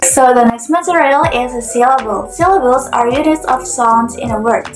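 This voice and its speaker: A young woman presenting a linguistics lesson as a student, slowing down carefully on example words, with some non-native grammar. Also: high voice, reverberant, distant mic, over music, poor audio.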